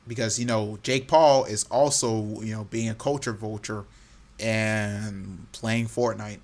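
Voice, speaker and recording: Man, podcast co-host, casual chat, animated, laughing storyteller. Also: fairly low pitch, unhurried.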